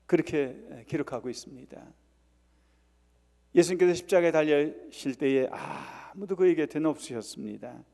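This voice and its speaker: Earnest Korean pastor in a reverberant church. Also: male voice, on the high side, creaky, dark tone. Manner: earnest preaching with rising emphasis and drawn-out words; frequent "eo" fillers and restarts. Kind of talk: sermon. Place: church sanctuary.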